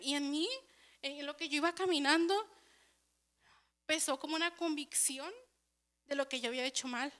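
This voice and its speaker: Young woman, church testimony; high-pitched, earnest, emotional, stumbles and repeats. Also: sharp tone. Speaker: church speaker.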